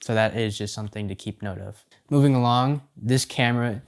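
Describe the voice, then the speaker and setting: A man's voice: mid-range voice, brisk. A man giving a casual, conversational camera review, his voice affected by being sick. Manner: informal, conversational.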